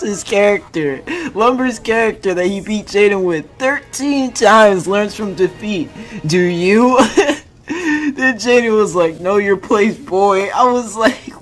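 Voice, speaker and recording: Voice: medium pitch, fairly bright tone. A young adult gaming streamer reading chat messages aloud in casual, slangy commentary, often breaking into laughter.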